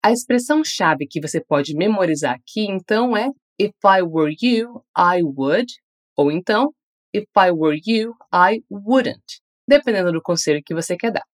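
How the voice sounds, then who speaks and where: In a lowish voice with lively intonation, a woman with a Brazilian Portuguese accent runs English repetition drills, pronouncing phrases slowly and praising learners once each one is done.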